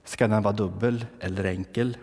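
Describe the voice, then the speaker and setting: A man's voice: on the low side, fairly even intonation, darkish tone, breathy edge, in a large hall. A man voicing an expressionless female barista who rattles off questions, inside a sermon. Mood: deadpan. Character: flat-voiced female coffee shop barista.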